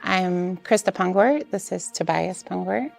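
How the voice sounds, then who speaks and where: Gravelly woman in her forties, music behind. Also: on the low side, unhurried. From Hungary. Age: 40s. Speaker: gym member in a testimonial. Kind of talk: testimonial. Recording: music underneath.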